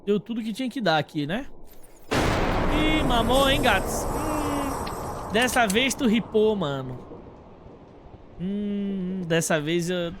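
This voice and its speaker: A Brazilian male game streamer with a high-pitched, very lively voice that swings up and down. He talks informally to his chat, thinking out loud in loose slang, with faint noise behind him. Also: slow pace, pauses often. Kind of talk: casual gameplay commentary.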